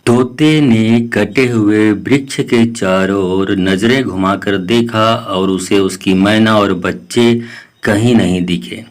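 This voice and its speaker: Male narrator for an animal fable, unhurried and low-pitched, steady scripted delivery. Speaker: storyteller.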